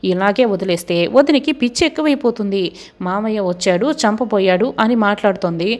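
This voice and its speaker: A woman's voice: mid-range voice, darkish tone, close to an everyday voice. A woman voicing a haughty, scheming young wife with a taunting way of talking, as dialogue in a serial recap. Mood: sneering. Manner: taunting, quick retorts.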